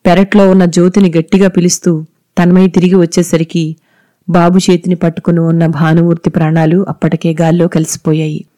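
A narrator reading a story aloud in a measured, even storytelling manner. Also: mid-range voice. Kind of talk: scripted audiobook narration.

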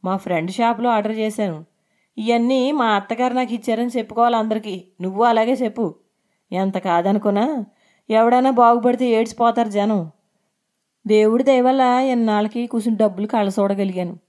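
A woman's voice: on the high side, fairly quick, a little mellow, voice pushed up, close to an everyday voice. A woman voicing a boastful, crude young husband who talks in a mocking, sneering way.

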